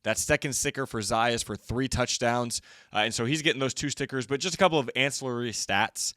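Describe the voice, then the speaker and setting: A man's voice: mid-range voice, fairly quick, bright, forceful tone, no room sound, clean studio sound. Upbeat man rattling off football stats. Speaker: co-host of a high school football stats show. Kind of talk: casual sports chat.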